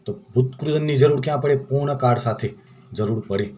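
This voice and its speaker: A man's voice: medium pitch, fairly quick, darkish tone, slight background noise. A man teaching a lesson in a patient, repetitive way, with a Gujarati accent, going through word forms and spelling them letter by letter. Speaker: English teacher. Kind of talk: classroom-style lesson in Gujarati.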